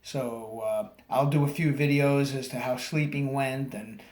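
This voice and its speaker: A man's voice: mid-range voice, steady tone, a little mellow. Slightly groggy man in an echoey room. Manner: slightly groggy after surgery, halting delivery. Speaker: vlogger. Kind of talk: casual personal video diary to camera.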